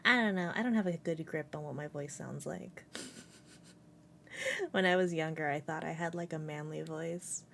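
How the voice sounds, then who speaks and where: This young adult VTuber streams casually from home with a cat in her lap, rambling, giggling often, and filling gaps with fillers. Her deep, gravelly voice is a bit bright and moves at a moderate pace, with slight background noise present.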